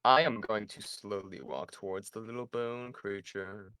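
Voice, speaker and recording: A man's voice: lowish voice, fairly even intonation, unhurried, bright, forceful tone, clear, resonant tone, dry recording. A man playing a tabletop game, joking with dry sarcasm. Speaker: player. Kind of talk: casual tabletop play.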